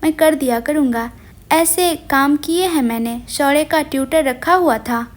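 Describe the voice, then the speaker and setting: A woman doing a calm loving young husband. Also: high voice, unhurried. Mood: affectionate. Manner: calm and warm.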